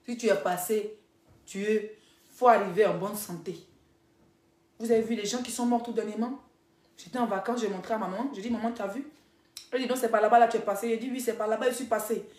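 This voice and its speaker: On a live stream, a woman with a fairly high voice tells stories casually to her followers, speaking to them directly and repeating herself for emphasis. The room she's in is echoey.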